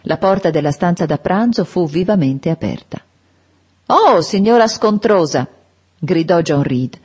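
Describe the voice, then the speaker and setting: A woman narrating a classic novel in a measured, expressive reading as an audiobook narrator. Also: low-pitched, slightly rough.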